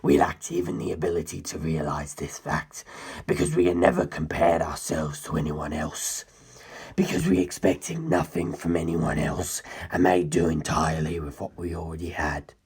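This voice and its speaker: In a dramatic audiobook reading, a man voices an ancient, menacing non-human predator who muses on humans with grandiose, condescending superiority. His full character voice is very deep, gravelly, husky and breathy, a little mellow, at normal speed.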